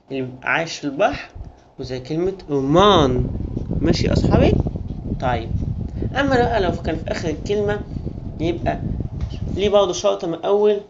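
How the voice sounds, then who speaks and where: A man with an Egyptian Arabic accent, a student tutor giving a friendly, coaxing handwriting lesson to young children. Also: on the high side. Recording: muffled with steady hiss.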